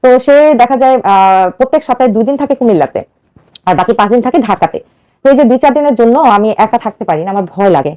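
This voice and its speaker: A woman's voice: on the high side, expressive, racing, dark tone. A woman in her thirties from Bangladesh telling a radio host her own life story in an earnest, urgent way, acting out the quoted dialogue as she goes. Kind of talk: emotional personal storytelling.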